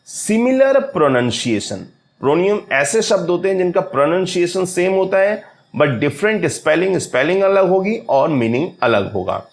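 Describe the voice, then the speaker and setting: A man teaching literary terms to exam students, often calling his viewers friends and reading English definitions out slowly. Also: sits high, sing-song, gravelly.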